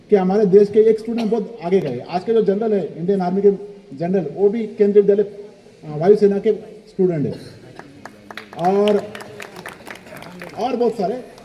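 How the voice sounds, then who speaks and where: A man's voice: high voice, lo-fi sound. A man, the principal of a school, giving a chatty, informal speech at a ceremony and slipping English phrases into his talk. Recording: echoey hall with long reverb.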